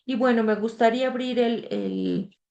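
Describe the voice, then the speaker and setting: A woman's voice: fairly high pitch, little pitch movement, normal speed, a little mellow, muffled recording. A woman leads an online class as a tutor. She talks in a loose, conversational way and leans on fillers as she goes. Her voice comes through a video-call microphone. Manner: conversational, reads the chat aloud, filler "este".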